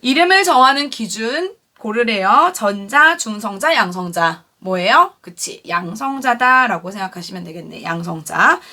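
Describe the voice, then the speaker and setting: A woman's voice: medium pitch, expressive, moderate pace, hardly any pauses, bright, forceful tone, distant mic. A woman teaching a chemistry lesson to a class, who keeps asking questions and then answers them herself. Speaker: science teacher. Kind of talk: classroom lecture.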